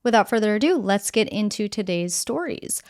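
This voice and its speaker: A woman hosts a news podcast with a plainspoken, conversational delivery. She sets out each story directly and walks through it step by step. Her voice sits in an ordinary middle pitch. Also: animated, moderate pace, a little mellow.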